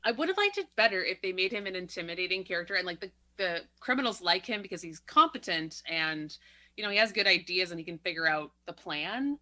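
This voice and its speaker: A woman's voice: fairly low pitch, animated, fast talker, bright, forceful tone. A woman co-hosting a film podcast, blunt and emphatic in her opinions. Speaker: podcast co-host. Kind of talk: casual film-review chat.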